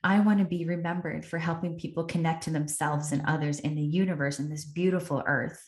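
A woman's voice: low-pitched, steady tone, fairly quick. A woman hosting a podcast, telling a personal story in an earnest, reflective way and repeating phrases for emphasis. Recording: echoey room.

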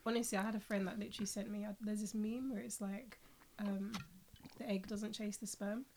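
A woman's voice: medium pitch, steady tone, brisk, a little mellow. A young woman telling anecdotes casually in a self-mocking, conversational way.

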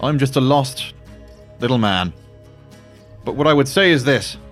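Guy doing a polite sneaky little dwarf rogue for a tabletop game, medium pitch, music behind. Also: animated, unhurried, a bit bright. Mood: polite, hesitant. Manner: polite, hedging, diplomatic. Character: polite, evasive little male dwarf rogue, slyly diplomatic. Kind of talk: tabletop role-play.

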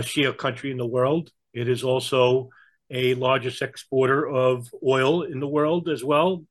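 A man with a New York accent giving conversational political and historical commentary, in a halting way with frequent hesitations. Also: mid-range voice. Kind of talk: conversational explanation.

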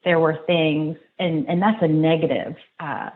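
A woman guest in an interview, reflecting slowly and haltingly, restarting her sentences. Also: deep voice, steady tone. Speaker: podcast guest. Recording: tinny phone-like line, faint noise.

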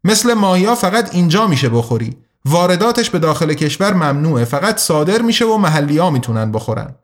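A man voicing a hurried young male conspirator who talks quickly behind his hand. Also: fairly high pitch, big pitch swings. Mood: easygoing.

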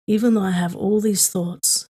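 A woman leading a guided tapping meditation for sleep, speaking in slow, soothing, repetitive prompts. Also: medium pitch, steady tone, dark tone, breathy edge.

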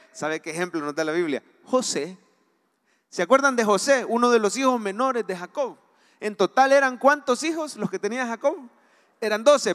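A man with a Salvadoran Spanish accent preaching a sermon, putting rhetorical questions to the congregation and swinging between loud emphasis and quiet asides. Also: high voice, big-room sound. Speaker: pastor.

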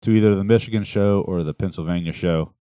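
A man co-hosting a casual music podcast, joking and teasing, with halting starts. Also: low voice, dark tone, no room sound, studio quality. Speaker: podcast co-host. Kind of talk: casual chat about music.

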